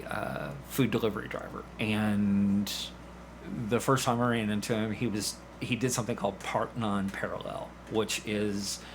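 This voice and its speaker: A community theatre actor appears as a podcast guest, chatting casually, telling stories and acting out bits of dialogue. His voice is on the low side, and there's a little hiss or hum on the recording.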